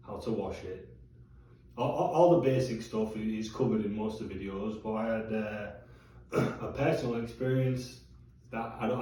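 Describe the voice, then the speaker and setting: A man's voice: fairly low pitch, mellow, a little hiss or hum. A man talking casually in a candid video diary, swearing now and then as he chats. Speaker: vlogger. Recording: very echoey room, distant mic.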